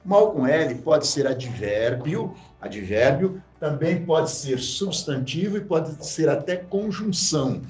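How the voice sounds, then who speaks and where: A man teaching a live grammar lesson, speaking slowly and deliberately and repeating key points. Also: a little high, lively intonation, darkish tone, reverberant, distant mic. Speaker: Portuguese language teacher.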